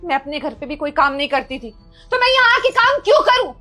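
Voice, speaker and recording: Woman playing a defiant young bride, very high voice, sharp bright tone, faint music behind. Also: sing-song, fast, exaggerated voice. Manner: defiant, sulky. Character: stubborn young woman, new sister-in-law. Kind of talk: amateur family drama acting.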